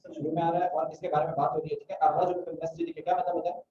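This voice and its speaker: A man's voice: on the high side, little pitch movement, very fast, noisy background. A man teaching an Arabic grammar class, quizzing students and often checking "theek hai?". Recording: roomy, muffled classroom audio from a distant mic.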